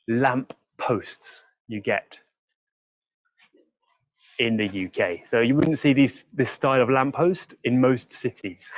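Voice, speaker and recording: An English teacher from England gives a live-streamed walking tour lesson, strolling through busy outdoor streets and reading viewer comments aloud. His middle-pitched, slightly mellow voice stays friendly as he explains words slowly. The stream is a bit muffled and lo-fi, with no echo.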